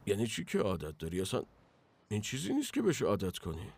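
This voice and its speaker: A man's voice: fairly low pitch, wildly swooping pitch, vocal fry, darkish tone, husky, full character voice. An actor dubbing a harried, protective family father who talks in a wry, defensive way. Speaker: father and employee. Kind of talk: dubbed film acting.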